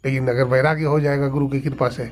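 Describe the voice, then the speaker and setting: A man's voice: medium pitch, level tone, fast talker, slight background noise. A man giving a devotional sermon, asking rhetorical questions and answering them himself. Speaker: spiritual preacher.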